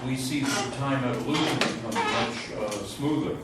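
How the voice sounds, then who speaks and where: In a very echoey room, a man delivers an informal university lecture that includes student questions, captured from a distant microphone. His middle-pitched voice is halting as he thinks aloud and admits his uncertainties, with loud room noise all around.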